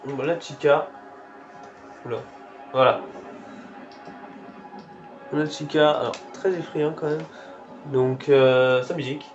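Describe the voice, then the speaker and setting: With a fairly high, steady voice, this gameplay commentator speaks slowly and leaves long pauses while presenting game characters. He reacts casually and exclaims at what shows up on screen, in a dull lo-fi recording with faint music from the game.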